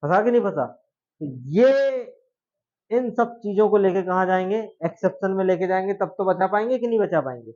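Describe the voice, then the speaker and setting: A man's voice: high voice, expressive, brisk, darkish tone. A male law teacher giving a classroom lecture, chatty and jokey, often asking his students questions. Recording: dull lo-fi classroom recording.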